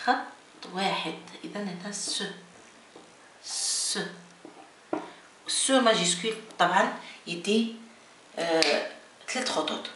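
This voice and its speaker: A woman teaching a beginners' French lesson, slowly repeating letters and words as she explains. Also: medium pitch, a bit bright. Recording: echoey room, mic at a distance, faint noise.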